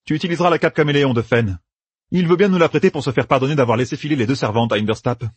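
A man's voice: medium pitch, breathy edge, no room sound, pitched above the performer's own voice, close to an everyday voice. A man voicing a brash young schemer who barks out plans in a raised, emphatic voice in an audiobook. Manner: bossy, emphatic, rapid-fire planning.

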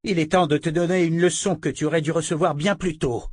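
A man reading a fantasy audiobook and voicing a furious, domineering older woman with a shrill, scolding, contemptuous delivery. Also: expressive, fairly quick, slightly rough, no echo, studio quality.

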